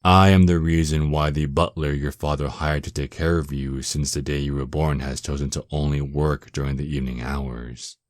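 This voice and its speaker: A man playing a dominant, seductive, menacing male vampire lord in an ASMR roleplay, with a very deep voice and a possessive, taunting, mock-tender manner. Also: flat delivery, normal speed, hardly any pauses, no echo, studio quality. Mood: gloating, sinister. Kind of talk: ASMR roleplay, intimate scripted monologue.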